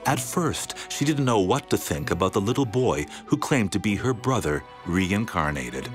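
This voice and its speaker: Low-voiced man narrating a documentary. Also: sing-song. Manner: dramatic, slows on key words. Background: background music.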